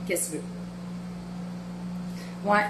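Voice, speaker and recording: A home cooking vlogger in her thirties, from the Beauce region of Quebec and speaking with that French accent, chats slowly as she cooks in her kitchen and rambles with family off camera. The sound is roomy, with heavy background noise.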